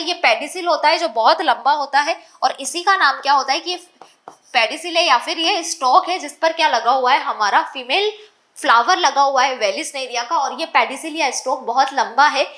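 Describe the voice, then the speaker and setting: Lady teaching biology, high bright voice, keeps asking then answering her own questions. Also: expressive, moderate pace. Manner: repeats key points. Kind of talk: exam-focused lecture.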